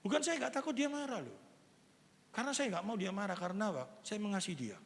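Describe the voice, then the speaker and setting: A man, preaching a sermon as a pastor in a lively, conversational way with everyday examples. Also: high-pitched, quick pace. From East Java, Indonesia. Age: 60s. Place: church hall. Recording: long reverb of a church hall.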